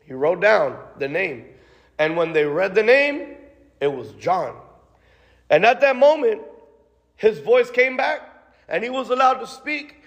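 A man whose voice sits high and a bit bright gives a sermon and prays aloud, keeping things casual and conversational with many restarts and "God" and "Lord" tags. The long reverb of a large hall colors the recording.

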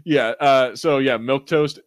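This podcast co-host, a man with a voice on the high side, jokes and rambles in slangy, sometimes sweary chat while reviewing a TV show and reading live chat. The audio is studio quality with no echo.

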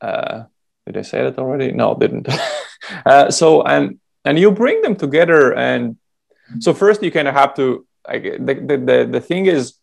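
A male podcast guest with a heavily gravelly, fry-laden voice at a middle pitch. He talks bluntly and swears freely, laying his points out step by step. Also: lively intonation, unhurried. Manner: blunt and profane, explains step by step. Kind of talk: casual chat.

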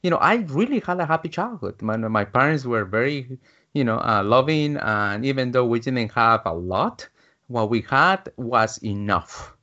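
A man's voice: medium pitch, lively intonation, moderate pace, pushed and bright. A man in his fifties from Guatemala, a business coach telling his life story as an interview guest, with many fillers and restarts. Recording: dull lo-fi audio.

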